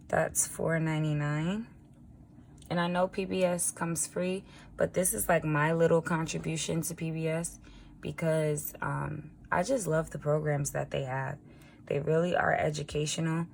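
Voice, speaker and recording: A woman with a raspy early-morning voice, chatting informally as a vlogger while she writes out a budget. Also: sits low, a little hiss or hum. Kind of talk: casual budgeting vlog narration.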